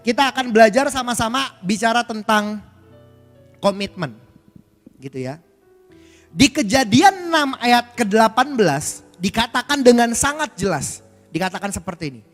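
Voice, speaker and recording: A man's voice: very high voice, fairly bright tone. A male pastor preaching a conversational sermon, speaking directly to the congregation and using frequent filler tags. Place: church hall. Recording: church hall reverb with faint music.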